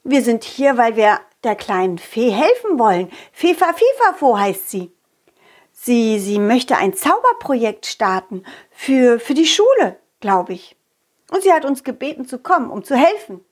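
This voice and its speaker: A woman's voice: on the high side, very animated, unhurried. A woman voicing a curious, friendly young boy who talks with eager wonder.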